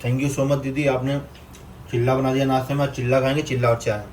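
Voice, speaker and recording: A man's voice: medium pitch, flat delivery, fast talker, darkish tone, a little hiss or hum, rough recording. A man vlogging about his day who turns to earnest, indignant rhetorical questions. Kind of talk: casual vlog monologue.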